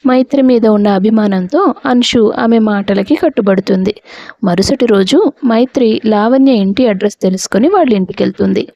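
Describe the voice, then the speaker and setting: A woman narrating an audio story in a calm, steady storytelling manner. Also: medium pitch, brisk, no echo, lo-fi sound.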